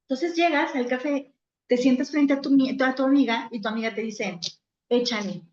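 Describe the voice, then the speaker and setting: Psychologist lecturing, woman, high voice, dull lo-fi sound. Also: brisk, a little mellow, roomy sound. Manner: conversational, acts out little scenes with quoted voices. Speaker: psychologist giving a talk. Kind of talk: virtual conference talk.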